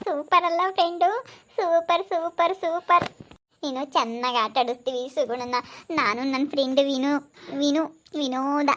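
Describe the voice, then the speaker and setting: A woman voicing a spiteful old female ghost who schemes and gloats, speaking slowly with a rural central Karnataka accent in a village comedy skit. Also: high voice, fairly bright tone, voice pushed down. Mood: gloating. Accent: rural central Karnataka Kannada.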